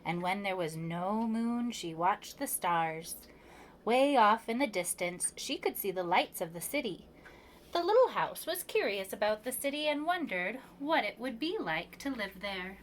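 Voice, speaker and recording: With expressive, measured delivery, a woman reads a picture book aloud to young children as a preschool storyteller. She has a mid-range voice, and the poor audio carries a slight hiss or hum.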